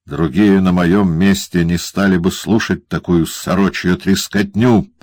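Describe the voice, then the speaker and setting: A man's voice: deep voice, fairly even intonation, measured pace, a little mellow, no echo. A man voicing a cruel, gleeful male dwarf in an audiobook, barking orders with a snarl. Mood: gloating. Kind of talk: audiobook character voice.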